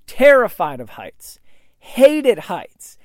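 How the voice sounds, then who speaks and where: Man, podcast host, rambling storyteller, animated quoting, dry recording. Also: high-pitched, slow, dry recording. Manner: rambling, many fillers and restarts; animated when quoting others.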